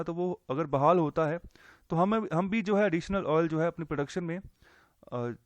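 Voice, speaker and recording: A man with a higher-than-average voice teaches economics in a casual lecture, talking through a newspaper editorial conversationally. He uses lots of fillers and mixes in English terms, and the recording is dry.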